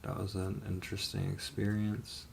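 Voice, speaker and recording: A man's voice: low-pitched, completely flat delivery, normal speed, gravelly, darkish tone, slight background noise. A man in his thirties casually telling his life story on a livestream, hesitant and rambling with frequent ums and the odd swear word. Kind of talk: casual live testimony.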